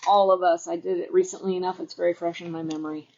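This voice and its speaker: A woman's voice: on the low side, flat delivery, fast talker, warm tone, highs cut off, slight background noise. A woman co-hosting a casual craft livestream, bubbly and cooing over cute items. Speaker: livestream co-host. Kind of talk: casual product showcase livestream.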